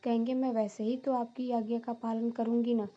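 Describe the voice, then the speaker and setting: Woman voicing a naive cartoon daughter-in-law, earnest, high mellow voice, dull lo-fi sound. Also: flat delivery, normal speed, lightly acted. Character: silly literal-minded young daughter-in-law.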